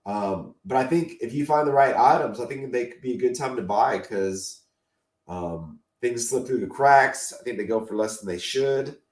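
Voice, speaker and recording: A man's voice: mid-range voice, normal speed. Man losing his voice, echoey room. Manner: enthusiastic, opinionated collector talk. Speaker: podcast co-host. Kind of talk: casual chat.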